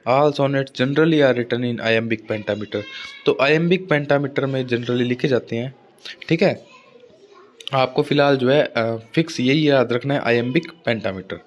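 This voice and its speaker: Man teaching an exam-prep lesson. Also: mid-range voice. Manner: explains in Hindi, reads English lines slowly. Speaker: English literature teacher. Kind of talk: exam-prep online lecture.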